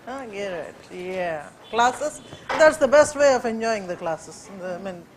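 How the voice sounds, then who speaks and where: A woman from India who speaks Urdu as her first language delivers a classroom lecture in Indian English. Her mid-range voice has lively intonation and a slightly slow pace, and she hesitates often, with many fillers and restarts. Background noise is audible.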